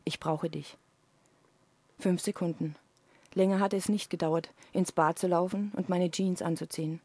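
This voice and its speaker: A woman reads an intimate passage from her own novel in a low, hushed voice. The sound is dry and close, with no room around it. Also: steady tone, moderate pace, no room sound. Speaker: author reading her own novel on the radio. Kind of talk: dramatic reading of an erotic novel.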